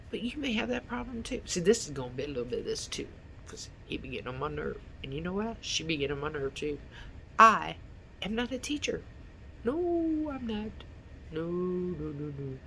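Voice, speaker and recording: A woman's voice: on the low side, normal speed, slight background noise, low-quality recording. A middle-aged woman speaking candidly and emotionally into her phone at home, as a confessional vlogger. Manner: emotional, swinging between animated venting and tearfulness. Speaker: vlogger and mother. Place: living room of a small house.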